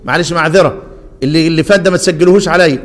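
Egyptian man, high voice, teaching Quran readings, quizzes class, chants verses slowly, long hall reverb. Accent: Egyptian Arabic. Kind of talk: lesson on Quran reading variants.

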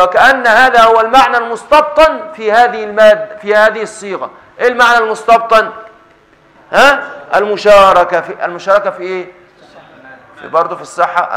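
A man with an Egyptian accent teaching a classroom lesson on jurisprudence, talking fast in a high, bright voice. He keeps tossing questions at his students and answering them himself. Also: rough recording. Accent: Egyptian Arabic. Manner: constant call-and-response questioning of students. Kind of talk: classroom lesson explaining a text.

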